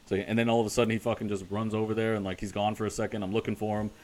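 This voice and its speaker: A man's voice: fairly low pitch, flat delivery, rapid-fire, slight background noise. A man co-hosting a casual podcast, rambling and swearing freely as he tells stories and laughs often. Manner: rambling, profane, laughs a lot. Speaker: podcast co-host.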